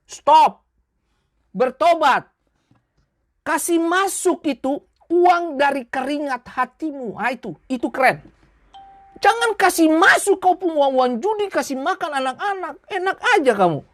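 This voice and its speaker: A woman's voice: high voice, sing-song, moderate pace, no echo, studio quality. A woman preacher, giving a sermon full of scolding rhetorical questions and small acted-out skits. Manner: acts out quoted voices in short skits.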